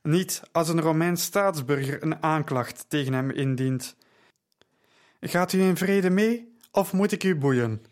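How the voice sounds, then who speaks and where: A man voicing an arrogant male soldier with a hoarse, strangled rasp, speaking curtly and with menace in an audiobook. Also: on the high side, slow pace. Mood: menacing. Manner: curt and menacing.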